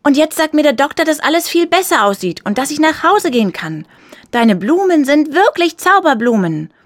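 A woman voicing a sick little boy in a wheelchair in a children's story, calling out loudly. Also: fairly high pitch, fairly quick, no room sound, studio quality, voice pushed up, close to an everyday voice. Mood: excited. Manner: loud, excited calling out.

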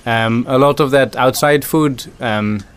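Man with a thoughtful, halting manner. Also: mid-range voice, smooth. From Netherlands. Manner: thoughtful, many ums and restarts. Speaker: food system consultant. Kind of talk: interview answers.

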